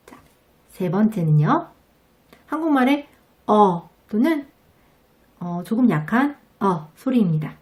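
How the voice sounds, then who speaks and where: A woman with a Korean accent giving a scripted English pronunciation lesson, explaining patiently and clearly. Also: medium pitch, warm tone. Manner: clear, patient, demonstrates words slowly.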